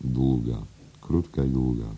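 Very deep-voiced male audiobook narrator. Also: unhurried, dark tone, breathy edge. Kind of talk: scripted narration.

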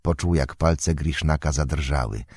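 Low-voiced guy reading a fantasy book, steady, dry close sound. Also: unhurried, no room sound. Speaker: audiobook narrator. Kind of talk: scripted narration.

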